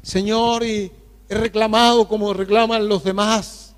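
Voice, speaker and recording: Male pastor, high and unhurried, pleading prayer in an echoing church hall. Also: little pitch movement. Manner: fervent, pleading prayer with many pauses. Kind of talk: prayer during a sermon. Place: church sanctuary.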